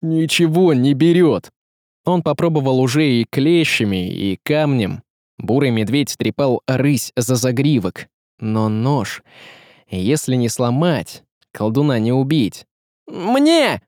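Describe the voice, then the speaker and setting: A man reading an audiobook with lively, dramatic storytelling. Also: medium pitch, measured pace, dry recording, studio quality. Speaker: audiobook narrator. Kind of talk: scripted audiobook narration.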